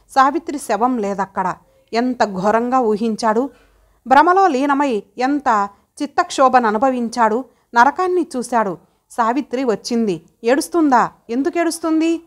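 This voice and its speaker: A woman reading an audio story aloud as its narrator, in a measured, dramatic way. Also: fairly high pitch. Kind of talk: scripted narration.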